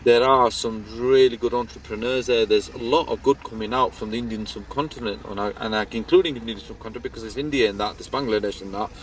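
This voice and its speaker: A man speaks earnestly and emphatically as a podcast guest. His voice sits at a middle pitch. Faint background noise is present. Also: steady tone, fast, hardly any pauses, rough recording. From England. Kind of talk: casual chat.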